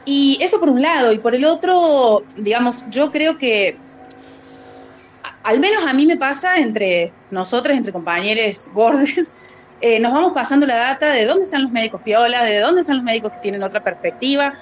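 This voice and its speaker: A woman's voice: fairly high pitch, animated, moderate pace, a little hiss or hum. A woman guest speaking as a fat activist, telling a personal story in a hesitant way, with many fillers and laughs between phrases. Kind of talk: conversational storytelling.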